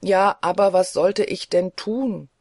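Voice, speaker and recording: A reader voicing a weary, lonely old male ghost in a soft, dreamy, mournful manner, from an audiobook reading. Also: mid-range voice, takes it slowly, dry recording. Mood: sheepish.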